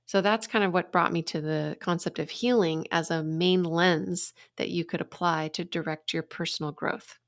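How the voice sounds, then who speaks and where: Low-voiced woman reflecting earnestly. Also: steady tone, normal speed, few pauses, dry recording, clean studio sound. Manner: earnest, reflective explaining of ideas. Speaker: podcast host and life coach. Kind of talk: solo podcast monologue.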